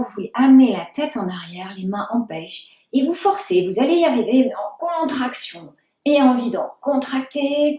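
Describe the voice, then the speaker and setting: A woman guiding a yoga class, calmly cueing breath and movement and sometimes sinking to a near whisper. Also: on the high side, far from the mic, dull audio. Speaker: yoga teacher. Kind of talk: guided yoga instruction. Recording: roomy echo, voice from off-mic.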